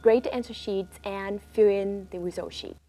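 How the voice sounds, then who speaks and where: A woman playing an eager quiz contestant who gives quick answers. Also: mid-range voice, fairly even intonation, mellow, a little hiss or hum, close to an everyday voice.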